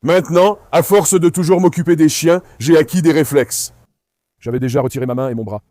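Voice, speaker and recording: A man's voice: on the high side, fairly quick, warm tone, dry recording, studio quality. A man hosting a dog vlog, coaxing his dogs and instructing a helper in a casual, repetitive way, outdoors. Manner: coaxing, instructive, repeats himself. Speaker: dog channel host. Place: outdoors at an industrial site.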